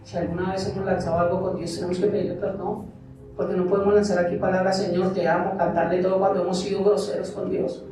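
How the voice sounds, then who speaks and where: A man preaches from the pulpit of a church, sharing personal testimony and throwing rhetorical questions at the congregation. His voice rings through a very echoey sanctuary and is picked up from a distance. Music plays clearly behind him. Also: high-pitched, flat delivery, fast talker. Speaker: pastor. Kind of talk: sermon.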